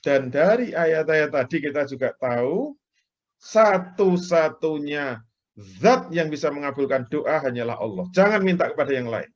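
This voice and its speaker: In a dull, lo-fi recording of a religious lecture, a man preaches Islam with a fairly high, expressive voice at a moderate pace. His speech is tinged, and he uses everyday examples and acts out how people pray.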